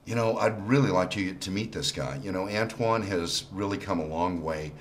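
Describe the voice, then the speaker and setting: A man's voice: low-pitched, normal speed, slight background noise. A man talking conversationally as a car salesman in an infomercial.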